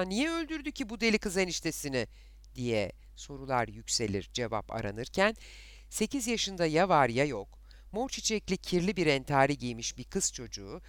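A male narrator reads a novel in a dramatic, expressive way, his pitch rising and falling with the story. His voice is smooth and resonant. The recording is dry and close, with no room sound. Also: no room sound.

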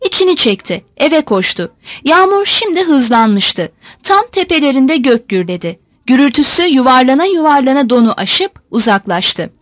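A woman narrates a novel in a measured, expressive audiobook reading. Her voice sits high and moves with wide, lively swings. The recording is close and dry, with no room sound. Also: no echo.

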